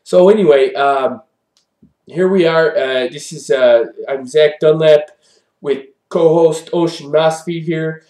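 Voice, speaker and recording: A man hosting an improvised comedy review show, rambling deadpan with fillers. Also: fairly high pitch, slow, roomy sound.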